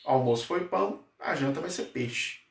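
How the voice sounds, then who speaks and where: A man's voice: medium pitch, lively intonation, moderate pace, creaky, reverberant, far from the mic. A Brazilian man telling a church story, putting on a hungry, scheming male disciple with a cheeky, grumbling manner. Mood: greedy. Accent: Brazilian Portuguese. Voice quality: cheeky, grumbling, then shouting after the group.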